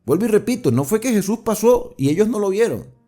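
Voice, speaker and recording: Man, Bible study teacher, conversational, questions the audience, mellow tone, faint music behind. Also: high-pitched, lively intonation, brisk. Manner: conversational, explains verse by verse and asks the audience questions.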